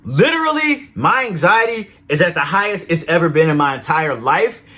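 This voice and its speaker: Animated, profane male film reviewer. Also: fairly high pitch, normal speed. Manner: animated, profane, retelling scenes with reactions.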